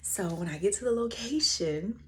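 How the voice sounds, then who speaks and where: A young woman telling a funny dating story in a casual storytime monologue. She is animated and slangy, laughs often, and drops to a hushed whisper for asides. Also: mid-range voice, normal speed.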